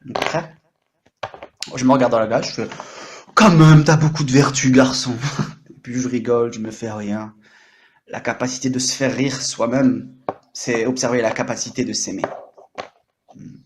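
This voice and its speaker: A man's voice: medium pitch, flat delivery, moderate pace, long pauses, a little hiss or hum. A man in his late thirties chatting on an improvised livestream, very talkative, jumping between topics, teasing his viewers and joking about himself. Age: 30s. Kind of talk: casual improvised livestream chat. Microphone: microphone.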